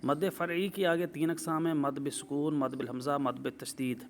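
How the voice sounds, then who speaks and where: A man's voice: a little high, level tone. Male tajweed teacher, methodical step-by-step explainer, faint background hiss. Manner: methodical, explains rules step by step, checks with "ٹھیک ہے؟"; drawn-out slow demonstrations of recited words. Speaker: Quran recitation teacher. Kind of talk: tajweed lesson.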